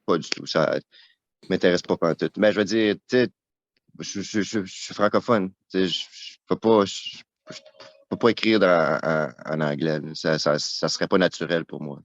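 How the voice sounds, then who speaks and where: A man's voice: low-pitched, moderate pace, dry recording, dull audio. A man with a Québécois accent, a band guest in casual chat, emphatic and repeating words as he goes. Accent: Québécois French.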